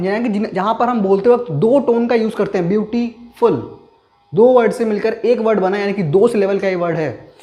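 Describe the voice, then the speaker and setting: A man teaching grammar in an online lesson, who asks rhetorical questions and then answers them himself, repeating key terms slowly for emphasis. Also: high-pitched, a little mellow.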